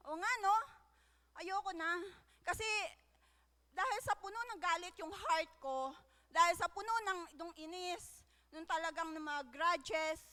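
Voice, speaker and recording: A young woman with a very high, bright voice shares her personal testimony at church. She speaks haltingly, filling gaps with fillers and checking in with tag questions, and her words trail off into the long reverb of a large hall. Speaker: church member giving testimony.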